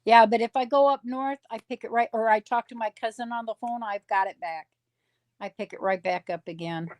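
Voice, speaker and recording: A woman's voice: fairly high pitch, fairly even intonation, brisk, no room sound. A woman in her sixties from Wisconsin chatting on a live stream while she crafts, rambling and correcting herself as she goes. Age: 60s. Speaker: livestream crafter. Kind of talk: casual chat.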